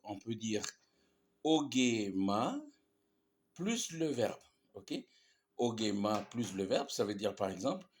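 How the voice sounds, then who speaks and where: A male teacher walks through grammar examples at an unhurried pace. He repeats each word, drawing it out slowly, and checks in with "ok?" as he goes. His pitch moves around a lot as he stresses the examples. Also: a little mellow. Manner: patient, repeats examples, many fillers and checks with "ok?". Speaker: language teacher. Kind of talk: explaining grammar in a language lesson.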